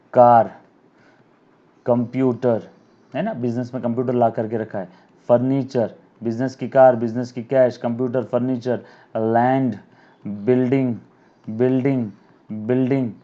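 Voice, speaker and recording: A man giving an accounting lecture to camera, dictating definitions slowly, repeating words, and addressing students as his children with frequent "yes or no?" checks. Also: medium pitch, level tone, warm tone, muffled recording. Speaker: accounting teacher. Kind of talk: recorded video lecture. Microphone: camera mic.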